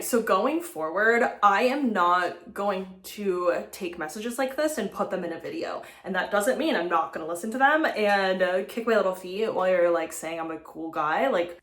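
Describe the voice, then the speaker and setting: A woman host talks in a casual, conversational vlog style. Her medium-pitched voice carries the noticeable echo of the room around her. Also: a bit bright. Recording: echoey room sound.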